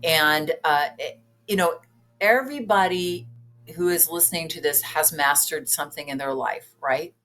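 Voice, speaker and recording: A woman in her late fifties with a low voice talks as a guest coach on a podcast. She is chatty and earnest and speaks in quick, loose bursts. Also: a bit bright. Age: 50s. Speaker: guest, weight-loss coach. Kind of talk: casual podcast conversation.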